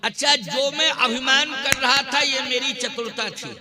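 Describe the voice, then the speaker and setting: A man's voice: very high voice, fairly even intonation, a little slow. A man giving a religious discourse, emphatic and questioning, who keeps asking the audience questions. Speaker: spiritual teacher giving a discourse. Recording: live event with audible crowd. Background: listening audience.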